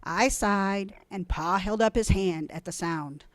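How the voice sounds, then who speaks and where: A woman reading a children's storybook aloud in an expressive, deliberate, dramatic way. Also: medium pitch, dry recording. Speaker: storybook reader.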